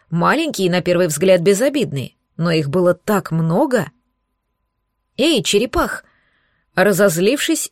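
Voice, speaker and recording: A woman narrating a fantasy audiobook in a playful, expressive way, also voicing the heroine. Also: mid-range voice, dry recording, studio quality.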